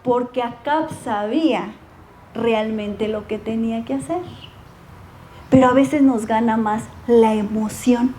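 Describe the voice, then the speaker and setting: A woman with a high, light voice delivers a sermon. She reads passages from the Bible and then explains them in a close, direct tone, as if speaking to a brother in the faith. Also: takes it slowly, warm tone, slight background noise. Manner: reads verses aloud, then comments, addressing the listener as brother. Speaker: preacher.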